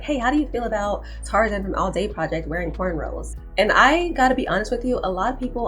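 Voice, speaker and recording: Young woman, commentary host, lowish pitch, insistent and emphatic, faint music underneath. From United States. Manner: emphatic, insistent, repeats herself for stress. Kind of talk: opinion commentary to camera.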